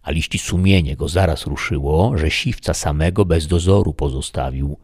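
A man narrating a classic novel as an audiobook in a measured, storytelling way. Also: a bass voice, a little mellow, breathy edge, no room sound, clean studio sound.

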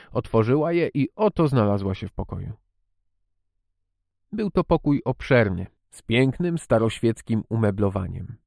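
A man narrating a classic children's novel in a slow, measured storytelling manner. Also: on the low side, creaky, darkish tone, no echo, studio quality. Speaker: audiobook narrator. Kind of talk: scripted narration.

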